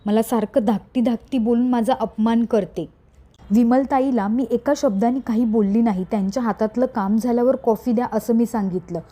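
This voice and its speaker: A quarrelsome young wife who stirs up trouble, read out by a woman narrator. The voice sits a little high and sounds soft and warm. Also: fairly even intonation, normal speed, lightly acted. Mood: accusing. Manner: read-out accusing lines in narrator's own voice. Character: scheming young daughter-in-law, quarrelsome.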